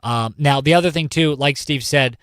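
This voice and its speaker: A Californian morning radio host speaks in a smooth, fairly bright mid-range voice at a moderate pace. Chatty and joking, he circles back over local news points, recorded on a studio microphone with clean sound and no room ambience.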